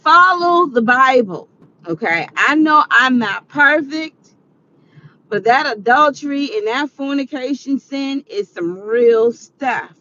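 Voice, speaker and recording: A woman's voice: sits high, lively intonation, slow, sharp tone, muffled recording. A woman in her forties giving earnest, preachy advice in a casual vlog monologue. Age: 40s. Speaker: vlogger.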